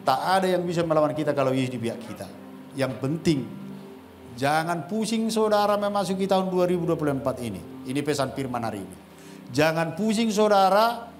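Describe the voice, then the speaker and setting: A man preaches a sermon to his congregation with a fairly high voice. He leans hard into emphatic rises, then sinks to quiet, hushed phrases. Soft music plays faintly behind him. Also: expressive, brisk. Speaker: pastor.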